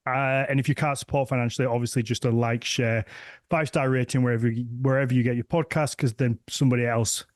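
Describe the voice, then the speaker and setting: Male podcast host, mid pitch, casual and easygoing, dry close mic. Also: steady tone, fast talker, no room sound. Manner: friendly, easygoing, fills with "okay".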